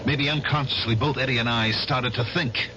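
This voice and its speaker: An actor voices a determined male war veteran pressing for a confession in the style of a 1970s radio drama. His mid-range, natural voice is steady at a moderate pace, yet his manner is insistent, accusing and interrogating. The recording sounds like a dull old radio broadcast with hiss.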